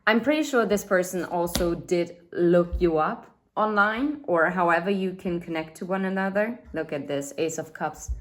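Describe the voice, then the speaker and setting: A woman's voice: on the low side, normal speed, few pauses, slight background noise. A woman giving a casual tarot reading indoors by a window, chatty and rambling, with fillers and asides. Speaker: tarot reader.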